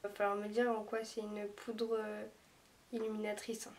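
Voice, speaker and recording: A woman's voice: mid-range voice, completely flat delivery, slight background noise. A woman reviewing makeup in a casual, chatty way, hesitating often as she talks. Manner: chatty, hesitant, lots of small pauses. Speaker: beauty vlogger. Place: room lit by daylight. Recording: voice a bit far from the mic.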